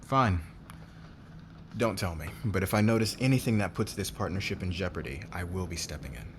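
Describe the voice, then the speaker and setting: In an intimate ASMR roleplay, a man plays a demanding male boss, speaking low and brisk over noticeable background noise. Commanding, possessive and swearing, he flirts smugly yet stays guarded, sounding jealous and probing.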